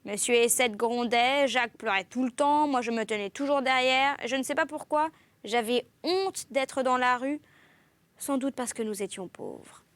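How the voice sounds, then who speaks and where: This is a woman reading a classic novel aloud, in an expressive literary style. Her voice sits high, and the recording is close and dry with no room sound. She gives each exclamation a clear lift. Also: moderate pace, no echo. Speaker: audiobook reader.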